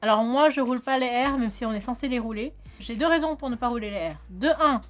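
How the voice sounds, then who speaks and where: Brief: bright high-pitched woman from France, casual vlog teacher, chatty, jokey, swears a bit. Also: quick pace. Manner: chatty, swears, jokes with friend. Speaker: video host teaching Khmer.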